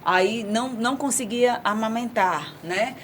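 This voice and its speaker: A woman's voice: on the high side, unhurried, slight background noise. Candid Northeastern Brazilian woman in her forties. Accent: Northeastern Brazilian Portuguese. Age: 40s. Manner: candid, storytelling, animated retelling. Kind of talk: casual talk-show chat.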